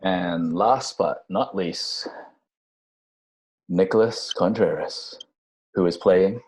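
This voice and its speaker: A low-pitched man runs a tabletop role-playing session over a video call. He jokes easily and pads his lines with relaxed fillers. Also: takes it slowly. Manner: relaxed, joking, hesitant fillers. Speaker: dungeon master.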